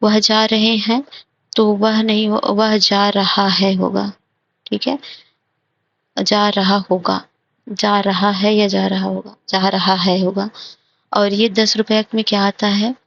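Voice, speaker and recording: A woman teacher slowly explaining grammar test answers, repeating and correcting phrases as she goes. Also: medium pitch, flat delivery, vocal fry, no room sound. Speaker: exam prep teacher. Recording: dull lo-fi recording.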